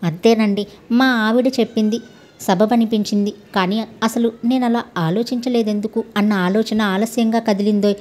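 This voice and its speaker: A woman voicing an older father and landlord who talks in a soothing, unhurried way, in a storybook reading. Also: fairly high pitch, steady tone, darkish tone, natural voice. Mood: calming.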